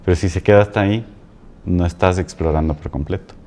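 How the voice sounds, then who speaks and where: Deep low voice guy, coach on a podcast, halting, repeats himself. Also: darkish tone. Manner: halting, repeats words, ends with "¿no?". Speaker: coach, guest. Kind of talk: casual conversation.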